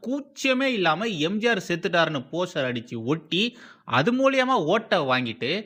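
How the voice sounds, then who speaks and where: A man's voice: high voice, pushed and bright. A man from Tamil Nadu giving heated, scornful political commentary as a channel host.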